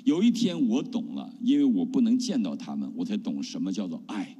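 Man, middle-aged, from China, pastor, testimony sermon, rhetorical questions, mellow tone, long church reverb. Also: fairly low pitch, brisk, highs cut off, slight background noise. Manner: animated preaching with rhetorical questions.

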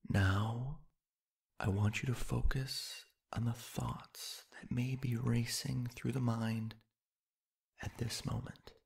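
This sleep hypnosis meditation is narrated by a man with a mid-range, steady voice, soft, breathy and soothing. His delivery is hushed, with long unhurried pauses.

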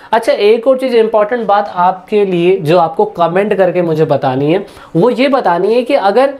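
A woman's voice: medium pitch, darkish tone. Chatty woman teaching history. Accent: Hindi-English mix. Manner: chatty, repeats key points, addresses students directly. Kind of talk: casual online lesson.

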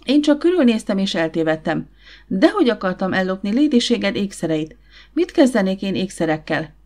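A woman's voice: medium pitch, very animated, a little mellow, natural voice. A woman doing a sulky fossil-hunting man. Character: gruff scholarly man, rival fossil collector.

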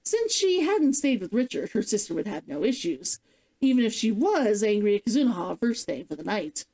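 A woman's voice: medium pitch, very animated, normal speed, dark tone. A woman narrating a novel like an audiobook, reading expressively and dramatically as a streamer. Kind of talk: scripted storybook narration, audiobook-like.

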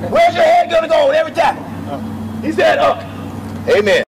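A man's voice: very high-pitched, big pitch swings, brisk, some chatter behind, slight background noise, rough recording. A man coaching young football players on a field, barking drill commands and leading fired-up call-and-response chants. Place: outdoor football practice field. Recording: outdoor field, loud music and shouting kids.

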